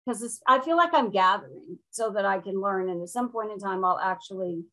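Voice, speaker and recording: An older woman from Florida chats in a mid-pitched voice, wandering a little from point to point. She pokes fun at herself as she talks. She is on a video call from a room at home. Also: a little fast, pushed and bright, low-quality recording. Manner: chatty, self-deprecating, rambling. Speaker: student. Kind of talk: casual chat.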